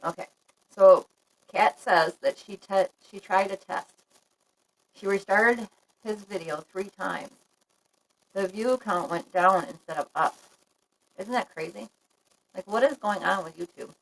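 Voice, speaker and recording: A woman's voice: medium pitch, measured pace, long pauses, low-quality recording. A woman live-streaming a casual chat to her viewers, talking frankly and laughing often. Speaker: livestream vlogger.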